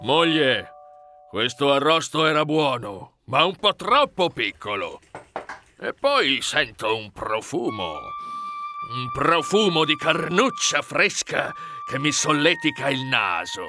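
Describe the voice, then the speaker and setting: A man's voice: mid-range voice, very animated, takes it slowly. A man voicing a greedy, cruel male ogre in a storybook reading, menacing and growling threats. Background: background music.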